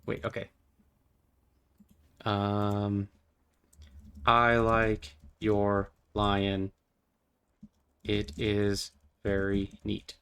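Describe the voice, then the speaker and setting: A man's voice: on the low side, completely flat delivery, very slow, pauses often, a bit bright, clear, resonant tone. A young man rambling casually about spiritual ideas while playing a game, full of fillers and playful asides. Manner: meandering, filler-heavy, playful, easily distracted. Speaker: gaming vlogger.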